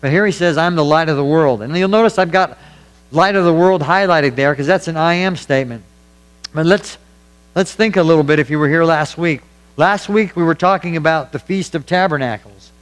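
A man with a fairly high voice preaches a sermon in an earnest, emphatic way, repeating his key points for weight. A faint mains hum sits under the recording. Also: a little fast, smooth, poor audio. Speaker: pastor. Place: church.

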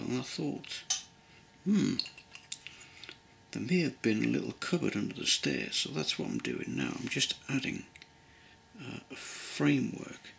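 Older-ish english guy at a workbench, very gravelly voice, takes his time. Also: lowish voice, a bit bright, a little hiss or hum. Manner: unhurried, thinking aloud with many ums. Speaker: model railway builder. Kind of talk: relaxed hands-on modelling tutorial. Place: workbench at home.

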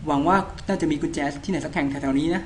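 A man's voice: on the high side, very fast, a crowd in the background. A man giving casual, chatty commentary as he plays a horror game, polite and talking half to himself. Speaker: let's-play gamer.

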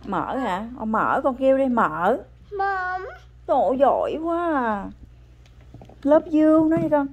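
A woman chatting at home with her toddler as a mother, coaxing and praising in a patient, gentle way. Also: fairly high pitch, sing-song, normal speed, slight background noise. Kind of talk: casual family chat to a small child. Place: home, indoors.

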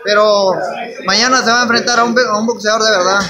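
A young man with a very high speaking voice, a boxer from Guatemala, answers questions at a press day. He talks earnestly and haltingly, often stopping to restart a phrase. He is recorded on a close camera in a large indoor hall full of loud crowd chatter. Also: steady tone.

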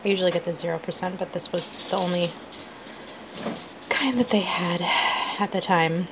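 Woman, 30s, casual vlogger, low gravelly voice, noisy kitchen recording. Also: fairly even intonation, normal speed. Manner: chatty, many ums, laughs easily. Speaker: food vlogger. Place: home kitchen, indoors.

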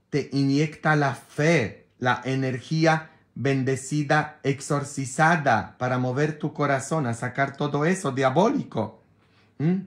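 A man, a priest with a sore throat, chatting casually and jokingly with his followers, sometimes exasperated. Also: fairly high pitch. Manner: joking, exasperated, mixes jokes with advice.

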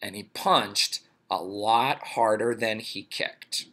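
A man reading a children's storybook aloud in a playful, expressive way. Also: on the low side, slow. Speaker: reader.

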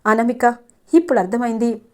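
A woman voicing a gentle young husband and poet, speaking with wounded, pleading questions. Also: on the high side, brisk, close to an everyday voice. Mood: heartbroken.

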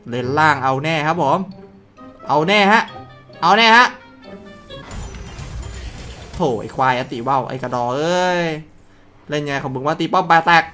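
A man calling his own mobile game match, swearing, teasing, and yelling at his teammates. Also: a little high, fairly quick, faint music behind. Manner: loud, crude, joking, shouts at teammates. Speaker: gaming streamer. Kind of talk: excited live game commentary.

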